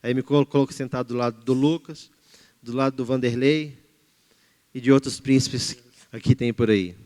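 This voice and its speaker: A Brazilian man preaching a sermon in a church, shifting between loud exhortation and hushed pleading. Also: medium pitch, steady tone, moderate pace. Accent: Brazilian Portuguese. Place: church hall. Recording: reverberant church hall.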